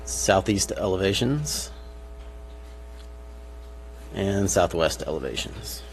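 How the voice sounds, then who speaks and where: Guy with a deep voice doing a formal staff report at a meeting, methodical, bit of background hum. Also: sing-song, slow pace, vocal fry, low-quality recording. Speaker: city planning staff presenter. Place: public meeting room. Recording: faint hiss and hum.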